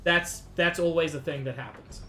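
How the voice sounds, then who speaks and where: Low-voiced and pushing her bright tone at a moderate pace, a woman who's a little ill streams gameplay and talks to chat. She's chatty and anxious in her casual commentary, with faint game music playing underneath.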